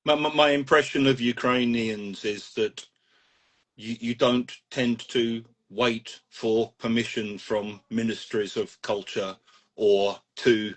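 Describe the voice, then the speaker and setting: A man interviewing in a casual conversational style, halting and reflective as he offers his impressions. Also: medium pitch, fairly even intonation, fairly bright tone.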